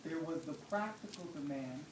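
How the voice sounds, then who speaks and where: A man's voice: a little high, animated, moderate pace. A man in his forties from the Dominican Republic, a guest speaker talking casually to a group of students, often checking in with "yeah?". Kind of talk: informal talk to students. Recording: echoey room from far off, noisy.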